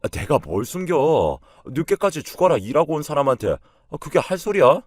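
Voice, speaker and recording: A man voicing an arrogant, defensive cheating husband who snaps loudly at his wife. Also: on the low side, sing-song, normal speed, dry recording. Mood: angry. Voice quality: loud, snapping.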